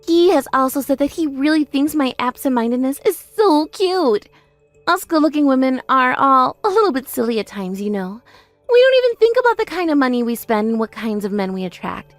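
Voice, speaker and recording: Haughty older sister, thirties, vain and spiteful, very high-pitched played by a woman, for a scripted story drama. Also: big pitch swings, brisk, no room sound, soft background music. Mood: boastful. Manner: haughty, taunting, self-praising. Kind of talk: scripted audio story dialogue.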